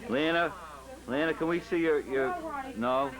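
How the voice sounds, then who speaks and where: A man's voice: on the high side, a little slow. Man, home video cameraman, casual commentary, coaxing guests, busy crowd chatter, old camcorder sound. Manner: coaxing, directing people to pose. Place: busy restaurant party, behind the camera. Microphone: camcorder microphone.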